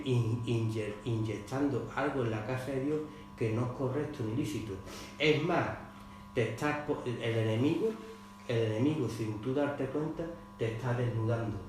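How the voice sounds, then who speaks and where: Impassioned preacher in an echoey hall. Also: male voice, mid-range voice. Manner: impassioned preaching, reading scripture aloud with rising force. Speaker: pastor. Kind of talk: sermon. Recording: very echoey church hall with faint mains hum.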